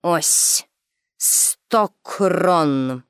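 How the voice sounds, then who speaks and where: A woman doing a gruff, hissing circus director. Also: very slow, no room sound, clean studio sound, exaggerated voice. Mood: grudging. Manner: low, growling, menacing.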